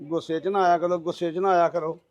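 A man's voice: on the high side, steady tone, a little fast, dry recording, highs cut off, lightly acted. An actor playing a stubborn, short-tempered middle-aged husband who scolds his wife. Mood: angry. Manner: bossy, scolding.

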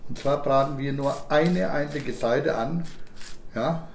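A man's voice: medium pitch, slow, slight background noise. A man cooking in his home kitchen, explaining each step to viewers in a chatty, instructive way. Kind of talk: casual cooking demonstration. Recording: echoey kitchen with cooking clatter. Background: clattering dishes, pans and cutlery.

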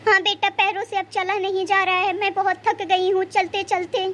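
A high-voiced performer plays a worn-out old widow, a mother-in-law in a cartoon family drama, who talks in tired, begging tones. Her voice sits very high and thin, with a faint hiss of noise behind it. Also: little pitch movement, moderate pace, sharp tone. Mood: weary. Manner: tearful, begging. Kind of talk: cartoon voice acting.

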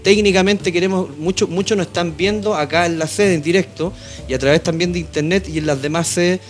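A Chilean man hosts a studio interview in a fairly high voice. He asks informal questions that stop and restart, speaking into a handheld microphone. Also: brisk, faint music behind. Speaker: interviewer and host. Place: television studio with small audience.

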